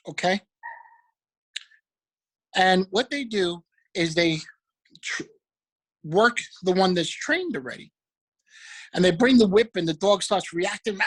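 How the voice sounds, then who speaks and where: Husky-voiced man giving a fired-up pep talk. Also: high-pitched, low-quality recording. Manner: energetic, preachy, repeats affirmations. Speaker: motivational speaker for a trading group. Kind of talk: motivational talk to an audience.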